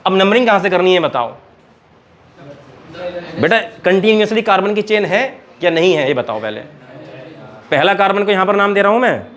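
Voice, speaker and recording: A man's voice, pitched high, lecturing in a Hindi-speaking Indian accent. He is a chemistry teacher who drills his students with quick questions and calls them beta as he goes. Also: a bit bright. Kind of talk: classroom lecture at a board.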